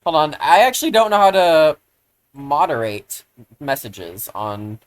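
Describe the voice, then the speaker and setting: A streamer talks through a co-op game in loose, rambling chatter, full of fillers and restarts. They often poke fun at their own fumbling and burst into loud, excited exclamations. The voice sits at an ordinary middle pitch. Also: unhurried. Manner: rambling, filler-heavy, self-deprecating. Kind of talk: casual live-stream gaming chatter.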